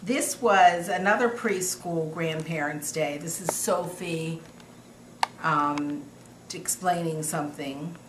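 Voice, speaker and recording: A sweet older woman talks affectionately, like a grandmother going through family snapshots. Her pace is very slow and her pitch a little low. The room is echoey, with clear noise behind her. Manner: sweet, affectionate old-lady way of talking. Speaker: grandmother narrating family photos. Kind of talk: casual reminiscing over photos.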